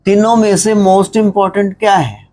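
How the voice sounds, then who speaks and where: A high-pitched man with a Punjabi accent teaches English to a live gathering, relaxed and joking. He poses questions to the class and answers them himself, slowing right down to spell out English phrases.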